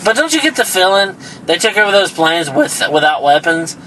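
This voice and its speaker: High, bright-voiced joking man. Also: sing-song, fairly quick, slight background noise, rough recording. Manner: joking, laughing at his own lines, swearing. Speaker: podcast co-host. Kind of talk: casual crude banter.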